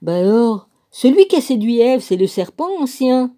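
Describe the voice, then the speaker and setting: A woman reads a religious text aloud at a slow, casual pace, spelling out names letter by letter and adding her own comments. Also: on the high side, big pitch swings, warm tone. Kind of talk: casual reading aloud with asides.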